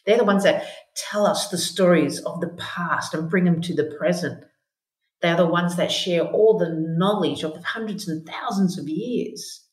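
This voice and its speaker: An Australian woman with a slightly low voice speaks as a guest in a podcast conversation. She talks in measured, short, repeated phrases, and the room adds noticeable echo. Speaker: guest, First Nations speaker. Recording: roomy, echoey room sound.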